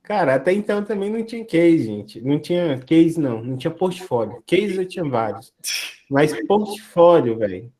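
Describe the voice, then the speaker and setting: A man co-hosting a casual mentoring talk, relaxed and slangy, backing up his partner. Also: a little high, moderate pace. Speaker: co-host mentor.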